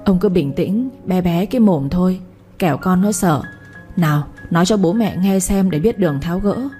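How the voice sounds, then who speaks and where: A woman reading an indignant middle-aged village mother who scolds with moral alarm. Her voice is mellow and warm, with faint music behind. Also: fairly low pitch, moderate pace, natural voice. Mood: reproachful. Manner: reproachful, indignant.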